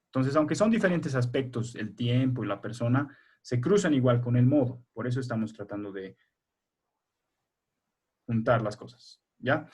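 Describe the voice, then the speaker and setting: Husky-voiced man teaching a class online. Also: medium pitch, animated, moderate pace, darkish tone. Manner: patient, explains step by step and quizzes pupils. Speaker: primary school teacher. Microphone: video call.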